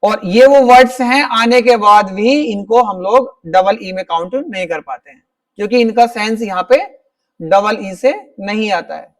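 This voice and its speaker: A man's voice: sits high, recorded from a distance. A male teacher giving a spelling lesson, explaining step by step and often checking that his students follow. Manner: explains slowly, often checks understanding with tag questions. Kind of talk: classroom-style spelling lesson.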